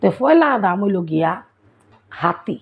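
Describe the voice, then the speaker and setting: A woman's voice: medium pitch, a little fast, gravelly, slightly rough. A woman with a Sylheti accent chatting casually to her viewers in a vlog, often checking whether they follow. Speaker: vlogger. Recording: tinny phone-like sound.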